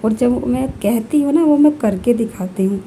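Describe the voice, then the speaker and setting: A young woman vlogging at home, talking quietly so her sleeping children stay asleep, scolding and repeating herself. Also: fairly high pitch, moderate pace, slight background noise, poor audio. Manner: speaks softly while children sleep. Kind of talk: casual vlog talk to camera.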